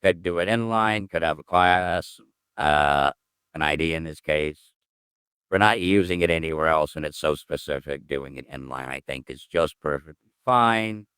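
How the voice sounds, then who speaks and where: A man's voice: a bass voice, normal speed, fairly bright tone, clear, resonant tone, no echo, studio quality. A man thinking aloud as he works through code, muttering, humming and trailing off as he goes. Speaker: programmer streaming his coding work. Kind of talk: casual think-aloud coding session.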